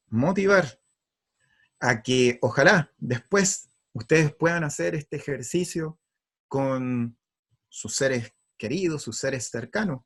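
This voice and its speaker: A man giving a motivational spiritual talk. His voice is fairly high and husky. He speaks in an earnest, emphatic way and tells stories. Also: a bit bright.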